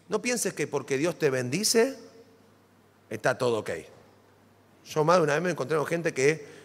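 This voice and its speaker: A man with an Argentine accent preaching a sermon in a church, dramatic and animated, full of rhetorical questions. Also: mid-range voice. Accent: Argentine Spanish. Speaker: pastor. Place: church sanctuary. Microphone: stage microphone. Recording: long church hall reverb.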